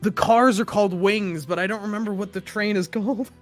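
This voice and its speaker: A man's voice: high voice, steady tone, brisk, loud music behind the voice. A man playing a tabletop game, joking, laughing often and swearing in casual table talk. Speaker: player.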